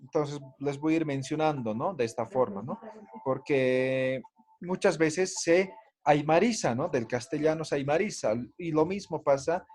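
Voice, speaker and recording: A man's voice: on the high side, moderate pace, darkish tone. A man teaching an online language class, explaining patiently and checking in with tag questions.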